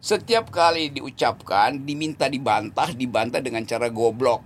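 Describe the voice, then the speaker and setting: A man's voice: medium pitch, normal speed, slight background noise. A man speaking as a political commentator in an interview, sarcastic and mocking, laughing mid-sentence and correcting himself as he hunts for words. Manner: repeats words while searching, self-correcting. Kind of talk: interview talk.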